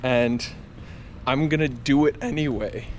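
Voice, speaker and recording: A man's voice: mid-range voice, steady tone, a little slow. Earnest man vlogging over outdoor noise. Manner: earnest, confessional. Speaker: running vlogger. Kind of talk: reflective vlog talk to camera. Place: outdoors on a campus. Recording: clear outdoor traffic and ambient noise.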